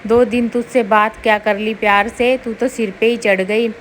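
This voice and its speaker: A woman's voice: a little high, fairly even intonation, moderate pace, a little hiss or hum, natural voice. A woman voicing a harsh, domineering middle-aged mother-in-law who scolds and bosses her daughters-in-law. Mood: scolding. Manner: scolding, bossy.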